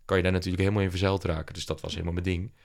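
A man's voice: low-pitched, flat delivery, rapid-fire, vocal fry. A young man, an entrepreneur, talking casually in an interview and often hesitating with fillers and restarts. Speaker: entrepreneur guest.

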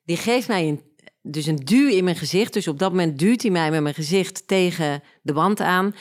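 A woman with a low voice and a Flemish Belgian accent tells a story from her own life as a podcast host. She talks casually and animatedly, with a sarcastic edge, and laughs at herself. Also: moderate pace.

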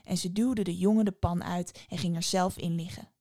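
A woman telling a fairy tale in calm, scripted podcast narration. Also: lowish voice, moderate pace, dry recording, clean studio sound. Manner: calm, even storytelling. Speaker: podcast storyteller.

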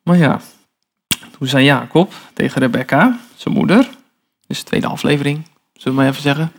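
A man's voice: fairly high pitch, normal speed, gravelly. A man giving a sermon, reading a Bible story aloud and breaking off for chatty comments in a storytelling manner. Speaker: preacher. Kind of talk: sermon, reading scripture aloud with casual asides.

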